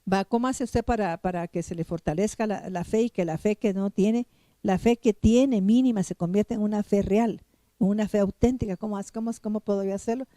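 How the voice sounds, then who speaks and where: Dark-voiced woman preaching a sermon. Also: mid-range voice, a little fast, no echo. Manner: emphatic, repeats phrases, questions the congregation directly. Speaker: pastor.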